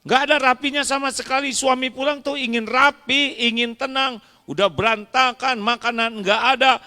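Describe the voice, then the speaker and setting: A man voicing an exasperated, tired husband who rants at his wife in a loud, complaining voice. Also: very high-pitched, steady tone, normal speed, clear, resonant tone, pitched above the performer's own voice, exaggerated voice. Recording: long reverb of a large hall.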